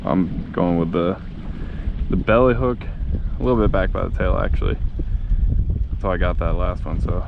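A man giving casual, excited fishing commentary from a small boat, chatting to the fish as he reels them in, recorded on a head-mounted action camera. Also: low voice, normal speed, creaky, long pauses, phone-quality sound. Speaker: fishing vlogger. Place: outdoors on a small boat on open water. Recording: wind and water noise outdoors.

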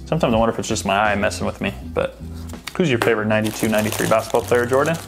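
Over music, a man with a fairly low pitch and vocal fry talks rapid-fire as he opens sports card packs. It's casual unboxing commentary, with him chatting and thinking out loud as he goes through the cards.

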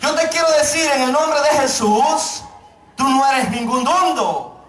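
A middle-aged man preaching to a youth congregation, his voice pitched very high. He jokes with the crowd and then drags out key phrases. The room is echoey and the mic sits some way off. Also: lively intonation, fairly bright tone, far from the mic, slight background noise. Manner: joking, calls out to the congregation, preaches slowly for emphasis. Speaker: pastor. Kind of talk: sermon. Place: church hall.

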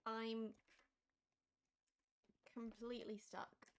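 A hoarse woman who is losing her voice, chatting casually and thinking aloud while live-streaming a game. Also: fairly high pitch, little pitch movement, drawn-out words. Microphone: streaming mic.

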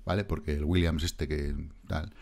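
Sarcastic deep-voiced man. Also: steady tone, normal speed, darkish tone. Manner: sarcastic, reads chat messages aloud and mocks them. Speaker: crypto channel host. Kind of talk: casual screen-reading commentary.

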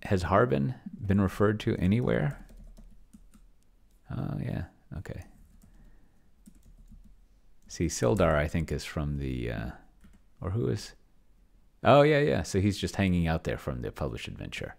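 A middle-aged host, playing solo to try out an AI dungeon master, thinks aloud over his screen share from an indoor room with shelves, muttering as he reads and types. The voice is deep, sing-song and creaky, a little slow and a little mellow, with long pauses.

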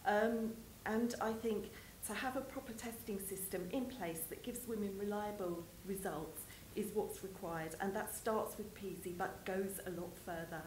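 A woman's voice: mid-range voice, normal speed, few pauses, a little mellow. A woman speaking firmly on a discussion panel for a charity, repeating words as she starts her points. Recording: distant mic in a very echoey room with noise.

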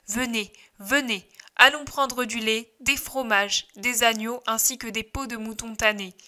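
A woman voicing a gentle, eager male shepherd from a devotional audiobook, urging his companions along with a bright, clear tone. He sounds tender and keen, a storybook herdsman rather than a gruff one. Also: very high voice, full character voice.

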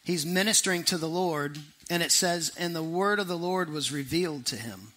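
Bright-voiced preacher, animated. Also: male voice, fairly high pitch. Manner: animated, conversational preaching with quick asides and dramatic slowdowns. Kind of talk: sermon.

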